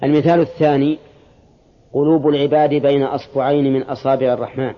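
A man's voice: mid-range voice, flat delivery, quick pace, lo-fi sound. A man teaching a religious classroom lesson, explaining step by step and asking his students short questions.

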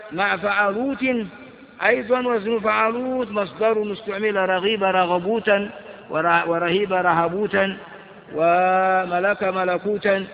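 High-voiced man teaching in an echoing hall. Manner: recites patterns and examples, asks rhetorical questions. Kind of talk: Arabic grammar lesson explaining verbal noun patterns. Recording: dull recording with long hall reverb.

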